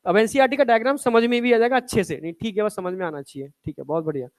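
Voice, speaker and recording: A man's voice: high-pitched, rapid-fire. Male teacher. Coaxing classroom lecture where he quizzes the students. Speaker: biology teacher.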